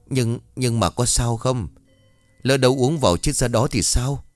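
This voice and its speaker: A man's voice: fairly low pitch, expressive, normal speed, faint music behind. A man voicing a frightened older village mother who wails and pleads in tears. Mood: anxious. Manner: wailing, pleading.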